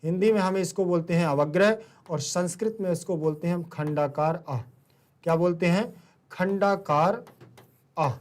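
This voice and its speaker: A man's voice: high-pitched, normal speed, a little mellow. A man with a Hindi-speaking Indian accent, teaching a Sanskrit lesson. He asks his students questions and then answers them himself.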